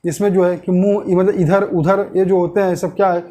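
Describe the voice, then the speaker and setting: A man teaching a grammar lesson online, posing questions to the class and answering them himself, repeating key terms slowly. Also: high voice, little pitch movement, dark tone.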